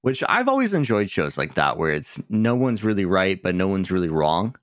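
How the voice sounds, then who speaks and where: A man's voice: low voice, big pitch swings, normal speed, no room sound, studio quality. A man co-hosting a podcast in casual chat, laughing often and swearing casually. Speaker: podcast co-host.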